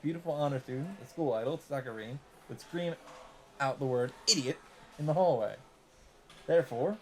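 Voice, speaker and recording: A man with a middle-pitched voice hosts a let's play of a visual novel, reading the narration at a steady pace. Every so often he interrupts with blunt asides full of swearing. A faint noise runs beneath his voice.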